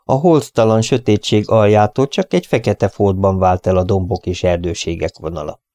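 A man reading an audiobook in a calm, measured way. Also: fairly low pitch, dry recording, studio quality. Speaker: audiobook narrator. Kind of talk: audiobook narration.

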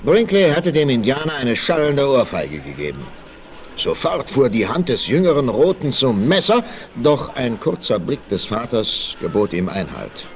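Narrating a 1960s radio play, a man with a mid-range voice swings widely in pitch at a normal speed, playing the dramatic, theatrical storyteller to build suspense. The audio is a vinyl transfer with faint background noise.

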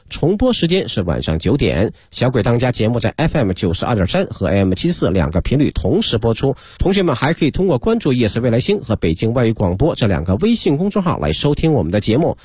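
A male host gives a quick, lively sign-off announcement. His voice is a bit husky, and the sound is close and dry with no room around it. He moves briskly through the schedule details. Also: mid-range voice, no echo. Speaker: radio host. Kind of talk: program announcement. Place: radio studio.

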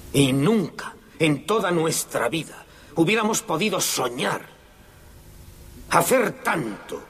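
Casting: a condemned anarchist, fiery courtroom speech, very expressive pitch, dubbed film. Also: male voice, husky, exaggerated voice. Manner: solemn, impassioned courtroom oratory. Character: condemned Italian anarchist man, defiant, impassioned. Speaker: defendant giving a final statement in court.

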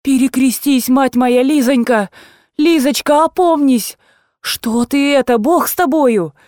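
A woman's voice: a little high, animated, moderate pace, a little mellow, no room sound, studio quality, close to an everyday voice. A woman reading aloud and voicing an agitated, fussy old aunt who scolds and exclaims in a raised voice. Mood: alarmed.

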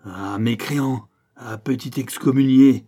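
A man voicing a furious old priest schoolmaster in an audiobook, shouting heavy-accented scolds. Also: mid-range voice, measured pace, close to an everyday voice.

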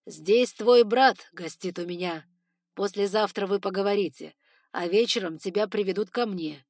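A woman reading an audiobook, voicing a domineering male spider lord who talks in a loud, commanding, menacing way. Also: low voice, flat delivery, moderate pace, slightly rough, no echo, clean studio sound.

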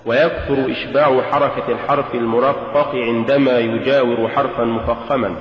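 A man teaching correct recitation, saying each rule in a slow, deliberate way and chanting the example verses. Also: mid-range voice, steady tone. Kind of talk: recorded recitation lesson. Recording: echoey hall, dull lo-fi old recording.

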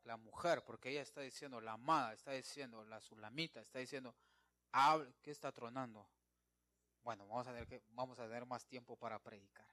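A man preaching an evangelical sermon, emphatic, keeps calling his listeners brother, swinging between loud declarations and quiet asides. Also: mid-range voice, steady tone, fast.

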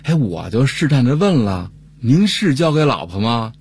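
A man's voice: medium pitch, very animated, moderate pace, darkish tone, slightly rough. A man co-hosting a comedy show, telling a funny story in scripted banter. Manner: comic storytelling, acting out a neighbor's lines. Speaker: co-host.

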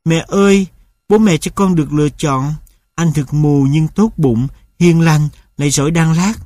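A man's voice: on the high side, moderate pace, dry recording, studio quality, lightly acted. Man doing a coaxing young village woman. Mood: pleading. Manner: soft, pleading, sweet.

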